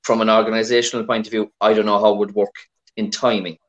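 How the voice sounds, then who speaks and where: A man's voice: on the low side, flat delivery, quick pace, muffled recording. An Irish man talking casually as a guest in a podcast interview over his phone. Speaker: podcast guest, historic rally competitor.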